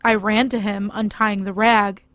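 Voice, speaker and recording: A woman narrating a first-person horror story in a steady, scripted delivery. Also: mid-range voice, unhurried, no echo.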